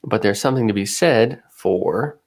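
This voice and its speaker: A man's voice: lowish voice, normal speed, gravelly, darkish tone. A man co-hosting a podcast, talking things through in a thoughtful, musing way as he searches for the right words. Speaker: podcast co-host. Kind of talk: casual podcast chat.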